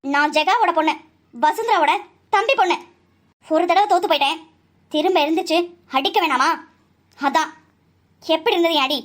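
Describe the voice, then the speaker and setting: A woman's voice: extremely high pitch, moderate pace, long pauses. A woman voicing a fierce young woman doctor who takes revenge in a cartoon, scolding and declaiming with fiery force. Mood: triumphant. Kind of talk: cartoon voice acting.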